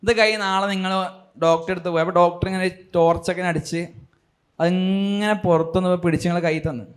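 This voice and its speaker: A man giving a motivational talk to a school audience, asking them many questions in an animated, emphatic way. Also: high-pitched, quick pace. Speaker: speaker addressing students.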